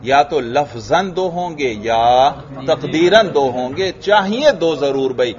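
A man's voice: fairly high pitch, expressive, a crowd in the background. A man teaching a grammar lesson to a class, often asking students questions and repeating their answers. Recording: dull lo-fi recording.

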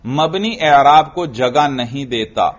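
A man teaching an Arabic grammar lesson, asking his students questions, answering them himself, and drawing out the example words slowly. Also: mid-range voice, lively intonation. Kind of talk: classroom lesson. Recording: dull lo-fi recording.

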